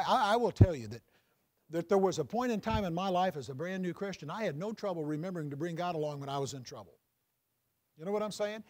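A man's voice: sits high, a little mellow. A man teaching a class, repeating phrases for emphasis, asking students questions and dropping to a near whisper on key points. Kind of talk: classroom lecture with faith-based teaching.

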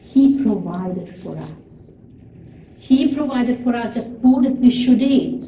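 An older woman from Serbia speaks to a cooking class in a slow, earnest way, often pausing between phrases. Her voice is mellow and unhurried. It is picked up from across a large, echoey hall. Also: fairly high pitch, animated, distant mic, slight background noise. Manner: slow, earnest, with frequent pauses. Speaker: cooking demonstrator. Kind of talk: informal talk to a class. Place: large plain hall with kitchen tables.

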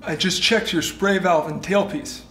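A man in his thirties acting an oblivious, literal-minded plumber in a comedy sketch, speaking deadpan and matter-of-fact, recorded in a home kitchen. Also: sits high, a little slow. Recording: roomy kitchen with loud music.

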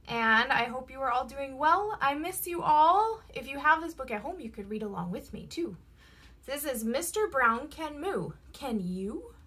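A woman, a teacher, reading a picture book aloud to her class, playfully imitating animal and object sounds and dropping to a whisper for soft parts. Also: high voice. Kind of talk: read-aloud storytelling for children.

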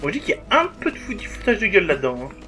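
Male gamer commentating, high, animated pitch, crude and jokey. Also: rapid-fire, faint music behind. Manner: swearing, joking, talking to the game. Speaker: let's play commentator. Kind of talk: gameplay commentary.

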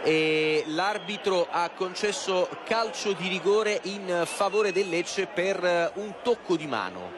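A man's voice: high voice, animated, takes it slowly, hardly any pauses. A man doing live play-by-play football commentary for television. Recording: live broadcast over loud stadium noise. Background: outdoor stadium ambience.

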